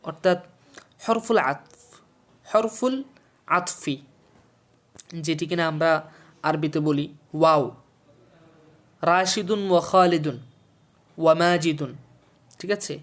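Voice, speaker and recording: A man from Bangladesh teaching Urdu vocabulary from a textbook. He explains each word slowly, repeats words and their meanings, and quizzes the listener as he goes. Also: fairly high pitch, fairly bright tone. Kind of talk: textbook lesson for a video series.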